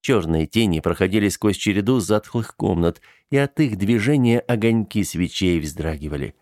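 A man narrating an audiobook in a measured storytelling manner. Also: lowish voice, animated, a little mellow, no room sound, studio quality.

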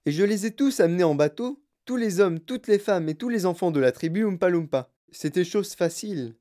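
An eccentric grown man who owns a chocolate factory, as a reader puts him on. He tells his story with animated, wide-ranging pitch, like a storybook showman. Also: fairly quick, natural voice. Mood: enthusiastic.

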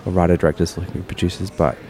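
A podcast host with a very low, mellow voice. He rambles through his questions in a loose, casual way, padding them with ums and uhs. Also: level tone, racing. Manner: rambling, chatty, many fillers. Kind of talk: casual interview.

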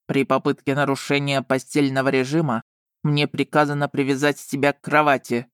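A man voicing a huge, blunt male beast familiar in an audiobook, gruff and matter-of-fact. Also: mid-range voice, level tone, normal speed, a bit bright, no room sound, studio quality, close to an everyday voice.

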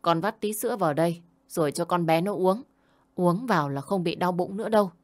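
A woman's voice: fairly low pitch, a little fast, lightly acted. A woman doing a bossy old mother-in-law. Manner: scolding, insistent.

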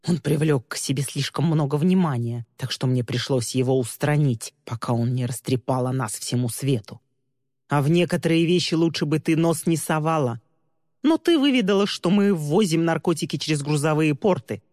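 A woman's voice: sits low, moderate pace, darkish tone, dry recording, clean studio sound, in a large hall, natural voice. Woman playing a cold, sneering villainess. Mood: scornful. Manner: sneering, contemptuous, mocking. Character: cruel mocking woman villain, scornful and cold.

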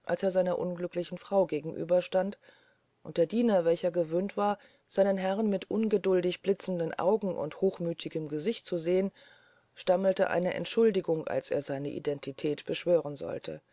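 Audiobook reader, steady narration, mid pitch, dry close mic. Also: normal speed, no echo. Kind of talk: scripted narration.

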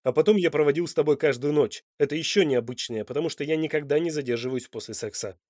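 A man's voice: on the high side, fast, a little mellow, no echo, studio quality, natural voice. A man playing a blunt, passionate, demanding Italian lover in an audiobook. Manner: blunt and insistent.

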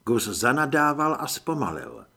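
A man reading first-person audiobook narration in an expressive way. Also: mid-range voice, vocal fry.

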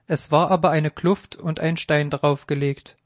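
A man reads scripture aloud in a solemn, measured way. His voice sits a little high for a man and stays flat and even throughout. The recording is close and dry. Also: no room sound. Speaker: narrator. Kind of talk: scripted Bible reading.

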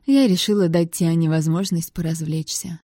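A woman narrates a first-person novel in a low, mellow voice with a wry, sardonic edge. The recording is dry and close, with no room sound. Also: steady tone, normal speed, no echo. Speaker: audiobook narrator.

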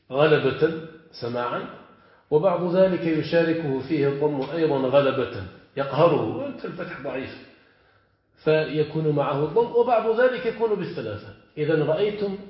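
Man teaching grammar in an echoing room. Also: a little high. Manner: explains step by step, quizzes students with quick checks. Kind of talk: classical Arabic grammar lesson. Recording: echoey, dull lo-fi lecture recording.

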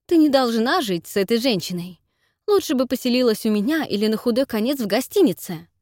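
A brusque woman of forty speaks in short, stern sentences, read by a woman narrator. The pitch rises and falls a lot, and the recording is dry and close. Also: expressive, brisk, darkish tone, no room sound, natural voice. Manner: blunt and curt. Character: blunt, brusque woman in her forties.

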